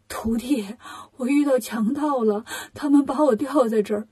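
A woman voicing a timid, fretful old male monk in a storybook reading, speaking softly and meekly. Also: on the high side, moderate pace, husky. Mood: meek pleading.

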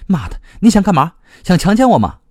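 A man reading a story aloud, voicing an irritable, foul-mouthed man who speaks sharp and raised. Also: high-pitched, wildly swooping pitch, a little fast, no echo, studio quality, pitched above the performer's own voice, full character voice. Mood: irritated.

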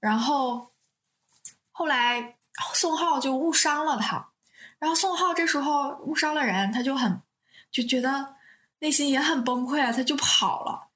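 A woman's voice: sits high, a little slow, a bit bright. A young woman who casually retells the plot of a TV drama, rambling, correcting herself and laughing.

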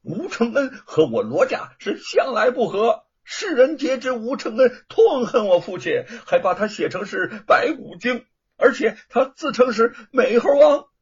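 A man playing a wailing young mourner, shrill and loud. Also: very animated, a little slow, husky, dull audio, exaggerated voice. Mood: accusing. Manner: loud wailing, accusing shouts.

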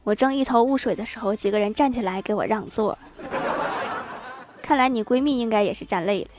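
A woman hosting a comedy podcast, reading out jokes with an animated delivery and chuckling at her own punchlines. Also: fairly high pitch, a little fast. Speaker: podcast host.

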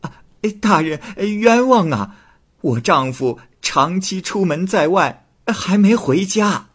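A sly, shrill village woman, voiced by a male storyteller, wails and stammers in a much raised pitch. Her cries are husky and bright with a wide, swinging melody. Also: expressive, slow, full character voice. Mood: wailing. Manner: shrill wailing protests, stammering.

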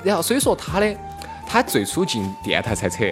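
A man's voice: fairly high pitch, huge pitch swings, a little fast. A man from Sichuan with a Sichuan accent, hosting a casual chat and telling stories in colloquial dialect with rhetorical questions. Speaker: talk show host. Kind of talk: casual chat, reminiscing about local radio and music. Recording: music playing behind the voice. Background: music.

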